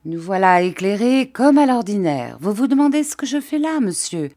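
A woman's voice: medium pitch, sing-song, moderate pace, dark tone, voice pushed up. A woman voicing a cheerful, cordial old fisherman who talks with open enthusiasm. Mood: hearty.

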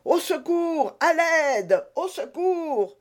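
A man's voice: very high voice, sing-song, extremely slow, pitched above the performer's own voice, heavily acted. A man voicing a startled, panicked young male servant, reading a story aloud.

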